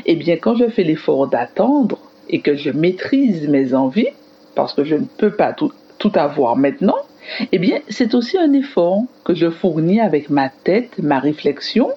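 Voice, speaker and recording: A woman teacher giving a scripted radio lesson to children in an expressive, explanatory manner. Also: low voice, measured pace, husky, highs cut off. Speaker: primary school teacher on radio.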